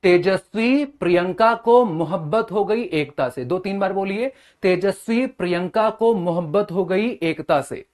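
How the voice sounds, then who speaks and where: A man's voice: high-pitched, lively intonation, a little slow, few pauses, a little mellow. A young male teacher giving an exam-prep lecture, building memory tricks and checking in with short questions. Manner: mnemonic-heavy, keeps asking "है ना?" and "ठीक है?".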